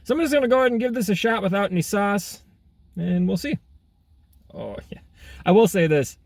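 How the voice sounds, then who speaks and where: A slightly high-voiced man chatting through a casual food review vlog while he eats. He talks with his mouth full and breaks into eager exclamations. He is filming himself outdoors in half sun, half shade. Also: animated, a little fast, vocal fry, no room sound. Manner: chatty, eating while talking, frequent exclamations. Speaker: food vlogger.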